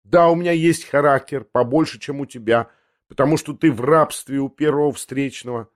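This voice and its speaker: A man's voice: mid-range voice, normal speed, dry recording, clean studio sound, natural voice. A man reading an audiobook, voicing a proud, slightly tipsy teenage boy who answers with indignant defiance. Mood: defiant. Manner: challenging, indignant.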